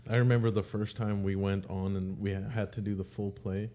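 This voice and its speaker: A man with a low, mellow voice chats on a podcast. He keeps his replies short and easygoing, laughing along with the others. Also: little pitch movement, a little fast. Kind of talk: casual podcast chat.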